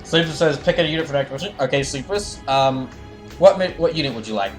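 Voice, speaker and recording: A streamer fandubs a game live and reads his chat, talking loosely, thinking out loud and circling back over the same phrases. He has a mid-range voice and speaks a little fast while game music plays behind him.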